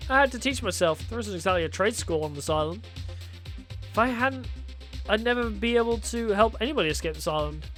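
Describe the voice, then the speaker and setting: A man's voice: high-pitched, lively intonation, fairly quick, fairly bright tone, soft background music. A man voicing a brash, defiant young rebel daughter and mechanic in a dramatic story, blunt and sardonic. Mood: brisk, dry.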